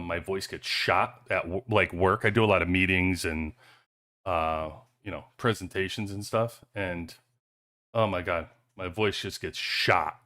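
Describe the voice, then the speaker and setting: A man hosts a livestream, his low voice carrying a fairly bright tone. He talks in a loose, rambling, casual way, dropping joking asides, and speaks into a cheap headphone headset.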